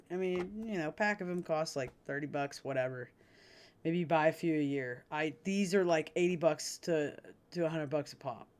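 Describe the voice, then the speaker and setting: A woman's voice: low-pitched, a little mellow. A woman livestreamer chatting casually with her audience, frank and rambling, swearing freely and laughing often. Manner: laughs often between sentences. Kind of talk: casual chat with a live audience.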